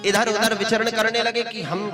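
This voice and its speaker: Male religious storyteller, high-pitched, animated scripture discourse over instrumental music. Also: moderate pace. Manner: acts out story voices with lively pitch swings.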